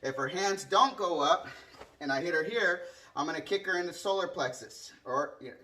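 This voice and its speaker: A man's voice: high-pitched, normal speed, sharp tone. A man working as a martial arts instructor, explaining a hands-on demonstration casually and punctuating it with short counts and strike sounds. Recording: distant microphone.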